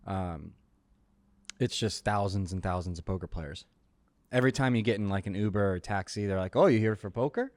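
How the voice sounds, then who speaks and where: A tired man with a low voice hosts a casual podcast, explaining things patiently and pausing often with "uh." He speaks close to the mic in a dry, dead-sounding room. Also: steady tone, darkish tone, no echo. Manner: laid-back, explanatory, many "uh" pauses. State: tired, short on sleep. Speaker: podcast host, professional poker player.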